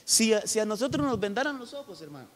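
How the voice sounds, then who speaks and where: A man's voice: sits high, big pitch swings, fast talker. A male pastor from Honduras preaching a sermon with emphatic delivery, often calling out to his listeners directly. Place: church hall. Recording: long hall reverb.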